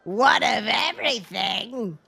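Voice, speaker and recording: Squeaky, yappy kobold through a voice changer. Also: male voice, expressive, slow, vocal fry, pushed and bright, husky, exaggerated voice. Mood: curt, impatient. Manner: squeaky, yappy lizard-like chatter. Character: squeaky, obnoxious kobold tavern keeper. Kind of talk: tabletop role-play character.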